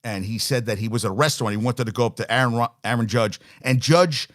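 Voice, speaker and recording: Talking fast in a medium-pitched voice, this sports talk show host delivers a casual, opinionated rant. He's blunt, swears freely, and swings hard from one take to the next.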